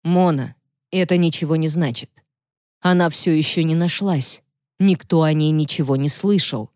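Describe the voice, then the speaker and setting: A woman reading the lines of a serious male defense lawyer in an audiobook, firm and measured. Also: sits low, darkish tone, no room sound, studio quality, lightly acted. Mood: grave.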